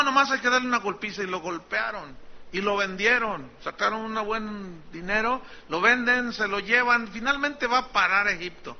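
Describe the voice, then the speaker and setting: A man's voice: high voice, muffled recording. A man preaching a sermon as pastor, telling the story conversationally and teasing his congregation.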